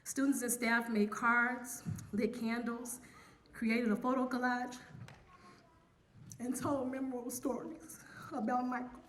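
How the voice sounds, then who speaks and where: A woman, an academic dean, giving a formal memorial tribute in a measured, solemn manner. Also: on the high side, level tone, a bit bright, slight background noise. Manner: measured, solemn prepared reading.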